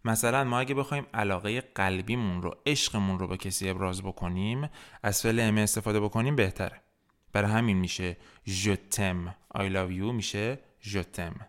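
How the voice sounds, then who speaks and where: A man's voice: on the low side, clear, resonant tone. A man teaching French in a podcast lesson, patiently explaining grammar step by step and modeling words for the listener to repeat. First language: Persian.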